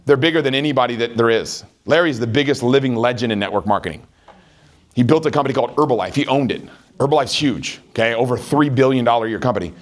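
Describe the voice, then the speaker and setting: A middle-aged network marketing trainer delivers a motivational sales training talk, speaking quickly in a mid-range voice. He's an energetic storyteller who keeps checking in with his listeners.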